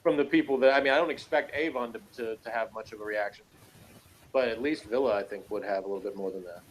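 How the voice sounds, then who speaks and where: This man, co-hosting a review of a TV series, talks it through in a casual, analytical way, hesitant and rambling as he figures out what he thinks. His voice is fairly low and his pace quick, and the audio quality is poor.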